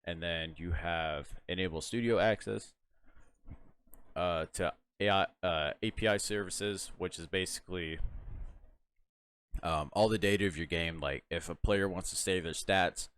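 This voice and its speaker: A young man with a very deep, low voice walks through a software tutorial in a loose, rambling way. He fills his talk with "uh" and "like", restarts his sentences and yawns now and then. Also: unhurried, smooth. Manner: rambling, lots of fillers and restarts, yawning. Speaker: tutorial host. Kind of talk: casual screen-recorded software tutorial.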